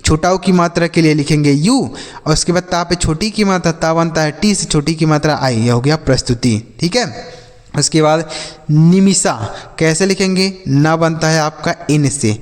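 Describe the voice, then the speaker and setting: A man's voice: a little high, normal speed. A man, patiently teaching spelling step by step in a lesson. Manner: patient, repetitive step-by-step explaining. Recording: long reverb.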